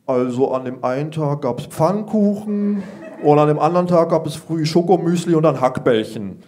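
A man's voice: fairly high pitch, lively intonation, normal speed, warm tone, a little hiss or hum, close to an everyday voice. A dreamy first-grade boy who only thinks of food, told in a plain, matter-of-fact voice. A man plays him, barely changing his own voice. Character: hungry, dreamy little schoolboy.

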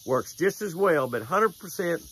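With a slightly high, fairly bright voice, lively intonation and an unhurried pace, an older American man speaks outdoors by a lake. As a devotional host and angler, he offers a folksy devotional and a fishing tip, repeating phrases for emphasis. The close camera picks up a little hiss or hum.

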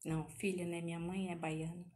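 A woman over fifty from southern Brazil, chatting warmly as she teaches a live craft tutorial, often checking in with her viewers. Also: fairly low pitch, little pitch movement, a little fast, slight background noise. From Paraná, Brazil. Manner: chatty, emotional, speaks to viewers with many tag questions.

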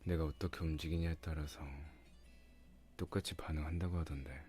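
A man playing a doting, teasing young boyfriend in an intimate ASMR ASMR role-play, murmuring softly and coaxingly close to the microphone. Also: very deep voice, fairly even intonation, fairly quick. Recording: music behind the voice.

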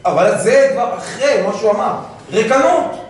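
A man giving an animated sermon as a rabbi, firing rhetorical questions and acting out little dialogues. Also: very high voice. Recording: very echoey room, voice from far off.

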